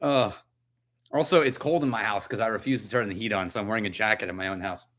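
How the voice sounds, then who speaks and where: A man's voice: on the low side, fast talker, fairly bright tone. A man hosting a casual whisky tasting livestream at home, chatting, joking and thinking aloud as he answers viewer comments. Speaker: whisky channel host. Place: his own chilly house.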